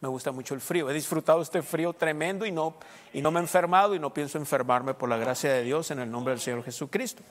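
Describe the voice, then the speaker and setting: A man with a Sonoran Mexican accent, a pastor preaching a sermon with lively asides and jokes to his congregation. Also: a little high, fast, in a large hall. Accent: Sonoran Mexican Spanish. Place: church.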